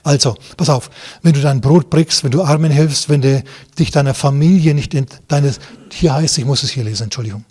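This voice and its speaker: A man's voice: medium pitch, brisk, few pauses, a little mellow, breathy edge. A man, a pastor, preaching a sermon. He reads Bible verses aloud, explains them, and turns to his listeners directly with rhetorical questions and asides.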